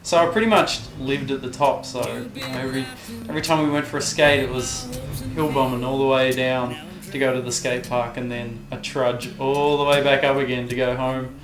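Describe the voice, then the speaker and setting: This Australian-accented man from Tasmania, a professional vert skater giving an interview, chats in a casual, reflective manner. He holds a medium pitch and a steady tone at normal speed with few pauses. Echo fills the room while guitar music plays underneath.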